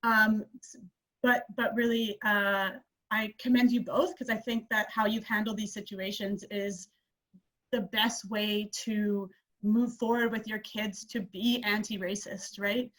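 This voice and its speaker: A woman's voice: medium pitch, little pitch movement, measured pace, fairly bright tone, rough recording. A young woman on a video call speaking hesitantly, with many fillers. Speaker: panelist. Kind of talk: virtual panel discussion.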